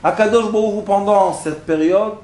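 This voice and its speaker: Male preacher, high lively voice, playful storytelling, echoey hall sound. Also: normal speed. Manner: animated, acts out everyday scenes with questions to the audience. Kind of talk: sermon. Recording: echoey room.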